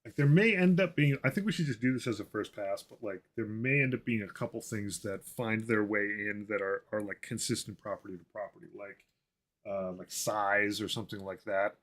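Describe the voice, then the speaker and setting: A man with a fairly low voice talks through design ideas at a casual work meeting. He thinks aloud, piling up fillers and restarting his sentences. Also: fairly quick, a bit bright. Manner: thinks aloud, many fillers and self-corrections. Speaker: game designer.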